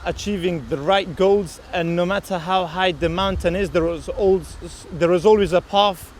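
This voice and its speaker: Hesitant young man, high voice. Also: fairly even intonation, normal speed, a little hiss or hum. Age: young adult. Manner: hesitant, many fillers. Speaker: university student. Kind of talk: casual interview.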